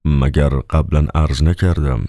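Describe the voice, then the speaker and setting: Man doing a quiet, deferential secret-police chief. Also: rumbling low, steady tone, no room sound, clean studio sound. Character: male head of secret police, deferential and discreet.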